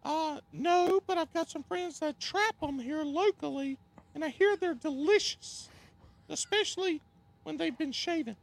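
A man voicing a female podcast guest, a folksy angler, in a cracking falsetto with a straight-faced delivery. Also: unhurried, creaky, heavily acted. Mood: sly deadpan. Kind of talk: mock interview answers.

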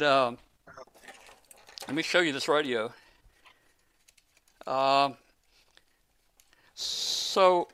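With a medium-pitched, pushed and bright voice, a guest ham radio operator talks casually and breathlessly on a live show. He rambles through technical explanations, restarting many times.

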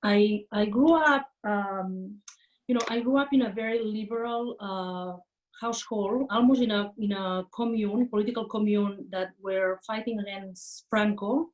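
A woman from Catalonia, a guest academic talking at home in a halting way, with many fillers and restarts. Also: mid-range voice, recorded from a distance, lo-fi sound. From Catalonia, Spain. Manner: warm, halting, with frequent fillers and repeats. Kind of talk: casual interview talk on a video call. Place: home in a rural area outside Barcelona, window open. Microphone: video call.

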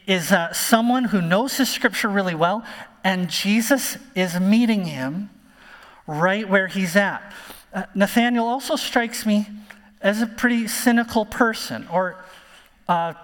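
A man's voice: sits high, fairly bright tone. A pastor preaching a conversational sermon to his congregation, often repeating a word as he starts a thought. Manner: informal, repeats words when starting sentences. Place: large church sanctuary. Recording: long hall reverb of a live sermon.

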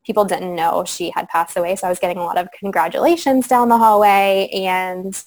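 A young woman guest on a podcast interview, speaking softly and reflectively with frequent pauses and fillers. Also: medium pitch, fairly even intonation, rough recording. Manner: soft, reflective, many fillers. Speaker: guest sharing her story. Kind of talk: conversational interview.

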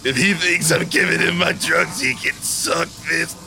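A man's voice: fairly high pitch, fairly even intonation, measured pace, gravelly, sharp tone, slight background noise. A man making casual remarks as a player at a tabletop game.

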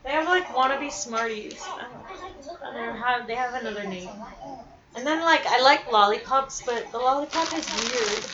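A woman's voice: fairly high pitch, lively intonation, normal speed, crowd noise. A woman co-hosting a podcast in casual chat, blunt and sarcastic, cursing freely. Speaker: podcast co-host. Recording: roomy, dull sound with noise. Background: noise.

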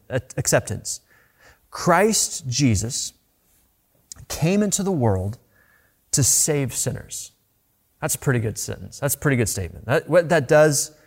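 A man preaching a sermon as a pastor, earnest and conversational, often restarting his phrases. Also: medium pitch.

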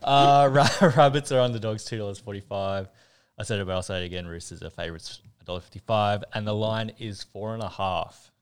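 A man's voice: lowish voice, brisk, clear, resonant tone. A man, a laconic podcast co-host, casually giving tips and betting odds. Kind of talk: casual chat.

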